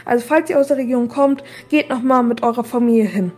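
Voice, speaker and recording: A woman's voice: fairly high pitch, fairly quick, darkish tone, faint music behind. A woman hosting a school podcast, presenting in an enthusiastic, upbeat way. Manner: enthusiastic, recommending to listeners. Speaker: school podcast host and reporter.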